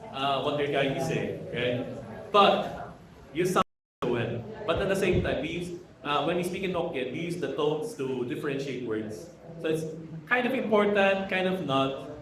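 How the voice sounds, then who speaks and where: A man from the Philippines, a Hokkien language instructor, giving a casual workshop lecture to a live audience and asking the room questions. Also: on the high side. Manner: casual, code-switches with Tagalog fillers, asks the room questions. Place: large echoey room with audience. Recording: echoey hall with crowd.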